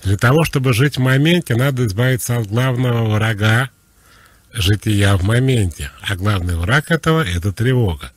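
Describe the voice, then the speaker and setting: Man, psychologist on a call-in show, mid-pitched voice, relaxed and explanatory, dry close sound. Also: normal speed, no room sound. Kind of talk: radio call-in advice.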